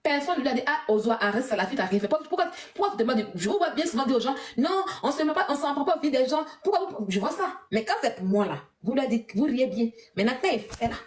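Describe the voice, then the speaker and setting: Woman, high voice, defiant livestream rant, mocking laughs, echoey room. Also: lively intonation, fast, hardly any pauses. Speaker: social media personality.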